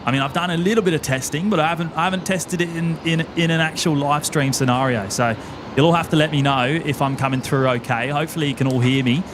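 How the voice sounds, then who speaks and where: Australian man chatting over loud outdoor noise. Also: fairly high pitch, quick pace. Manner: chatty, repeats words, greets viewers warmly. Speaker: live-stream host. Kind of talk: casual live-stream chat. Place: outdoors at an airport.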